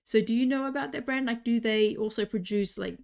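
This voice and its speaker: A woman's voice: on the high side, fairly quick, vocal fry, darkish tone. A woman hosting a live online stream, chatty and encouraging as she cheers competitors on. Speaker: host.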